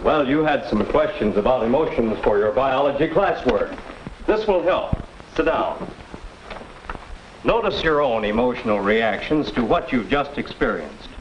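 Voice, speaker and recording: A patient, measured teacher, played by a man from a 1950s classroom film. His lively, rising and falling voice walks students through each point. The sound is muffled and carries a faint hiss. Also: mid-range voice, natural voice. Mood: explaining. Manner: calm, measured explaining. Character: patient male teacher explaining emotions to students. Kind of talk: 1950s educational film acting.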